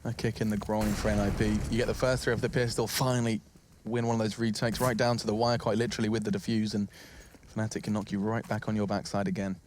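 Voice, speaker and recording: A man calling a competitive shooter match play-by-play, his voice leaping high when the action peaks. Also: fast, noisy background. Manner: excitable, voice leaps high in big moments. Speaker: play-by-play esports caster. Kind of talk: esports play-by-play commentary.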